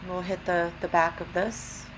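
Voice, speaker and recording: A woman with a gravelly, allergy-affected voice talks casually and unhurriedly through a craft demonstration, explaining each step carefully. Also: on the low side, a little slow. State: allergy-affected voice, throat clearing. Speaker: craft tutorial host. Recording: steady background hum, lawnmower noise. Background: lawnmower and hum.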